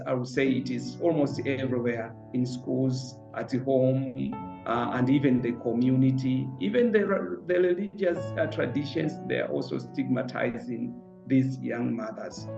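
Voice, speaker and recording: A middle-aged man, a school founder speaking in a measured, earnest way with frequent pauses. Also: medium pitch, vocal fry. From Tanzania. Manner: measured and earnest, pausing often on fillers. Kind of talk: reflective interview testimony. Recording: roomy, slightly dull with soft music.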